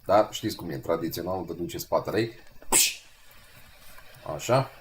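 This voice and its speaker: A young man giving lively gameplay commentary, ranting and cursing casually. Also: deep voice, a little hiss or hum. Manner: animated, swears, rants. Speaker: streamer.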